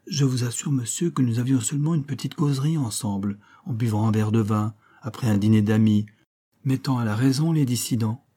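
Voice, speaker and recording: A polite young curate, as a male reader puts him on, smoothing things over with courteous offers. Husky, mellow and close to the narrator's plain tone. Storybook reading. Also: mid-range voice, a little fast, natural voice. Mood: placating. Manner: polite, placating.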